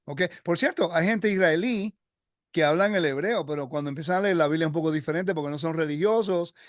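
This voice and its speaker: A man's voice: a little high, fairly quick, no room sound, clean studio sound. A man hosting a religious discussion, talking earnestly and emphatically with many fillers and restarts.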